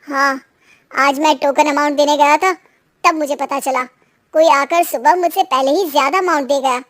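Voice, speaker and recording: A woman voicing an upset, hot-tempered young husband in a cartoon story, her voice pushed lower. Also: fairly even intonation, normal speed, a bit bright. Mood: dejected. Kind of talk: cartoon voice acting.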